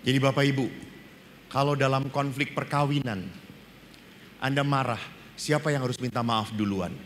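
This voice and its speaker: Lively bright-voiced priest in a hall. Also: male voice, medium pitch, moderate pace. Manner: animated storytelling, acting out quoted dialogue. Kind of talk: lively seminar talk with humorous anecdotes. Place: seminar hall. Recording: reverberant hall with faint ambient noise.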